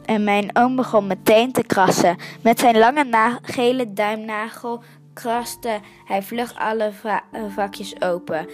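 A woman's voice: a little high, steady tone, slow, faint music behind. A woman reading a children's story aloud, stumbling and correcting herself over words. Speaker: story reader.

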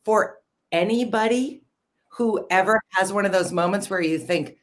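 A woman's voice: mid-range voice, normal speed. A woman hosting a casual conversational interview in a chatty, self-deprecating way. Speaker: show host.

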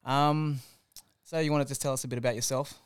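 A man's voice: medium pitch, fairly even intonation, fast, clear, resonant tone, dry recording, clean studio sound. A young man hosting a podcast, talking in a friendly, informal, slangy way. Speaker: podcast host. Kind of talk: casual podcast chat.

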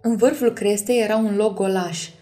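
A woman narrating an audiobook chapter in a measured, expressive reading. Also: medium pitch, soft background music.

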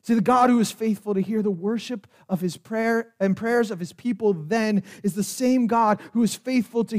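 Male pastor, very high voice, passionate sermon delivery with shouted calls to the room. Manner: passionate preaching, rising to shouts and calls for response.

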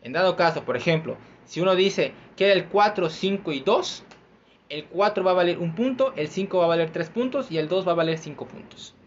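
Mexican man, quiz host, animated pitch, fairly high voice, muffled recording, faint noise. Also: brisk. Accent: Mexican Spanish. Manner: lively, laughing, explains rules at length. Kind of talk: casual trivia game among friends.

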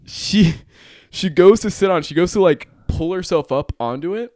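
A man's voice: high voice, normal speed, dry recording, clean studio sound. A man in his twenties hosting a podcast, telling a rambling, profane story in casual chat. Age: 20s. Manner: rambling, profane, animated retelling with frequent laughs. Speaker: podcast host.

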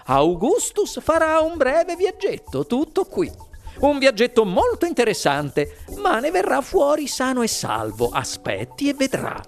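A man's voice: very high voice, huge pitch swings, unhurried, vocal fry, faint music behind, voice pushed up, exaggerated voice. A man doing a breezy, unflappable candy maker. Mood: soothing. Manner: soothing, breezy, amused.

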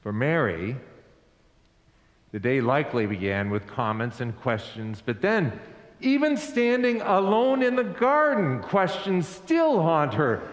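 Male pastor, slow deliberate sermon, lively rising and falling voice, long church reverb. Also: a little high. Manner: slow, deliberate preaching that invites the congregation to repeat lines. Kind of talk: Easter sermon. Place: church sanctuary. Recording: echoey hall with long reverb.

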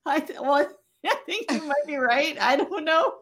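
A woman raised in Canada hosting a casual live-stream interview, chatty and quick to laugh. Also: high voice, animated, fairly bright tone. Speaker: podcast host.

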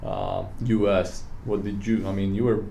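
A man co-hosting a podcast, asking questions in a halting way with pauses and fillers. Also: deep voice, level tone, vocal fry, warm tone, slight background noise. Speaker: podcast co-host. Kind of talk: casual podcast interviewing.

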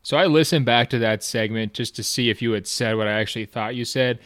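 Male podcast co-host, mid-pitched, dry teasing delivery. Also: fairly quick, fairly bright tone, dry recording. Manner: teasing and dry, reads out stats. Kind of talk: casual podcast banter.

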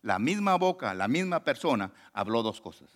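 A male pastor preaching a sermon, swinging between loud emphatic lines and low murmured asides, and acting out the voices in the story. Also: sing-song, moderate pace. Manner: acts out quoted voices in the story.

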